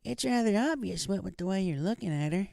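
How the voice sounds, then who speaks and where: Guy doing a old granny pony, way up high, folksy, knowing, bit of a tease, storybook. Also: lively intonation, a little fast, gravelly, dark tone, dry recording, clean studio sound. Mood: knowing, teasing. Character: elderly granny pony, shrewd, kindly and teasing.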